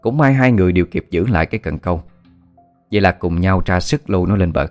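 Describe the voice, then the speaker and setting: A man narrating a scripted ghost story in a steady, even storytelling manner. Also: deep voice, fast talker. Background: faint music.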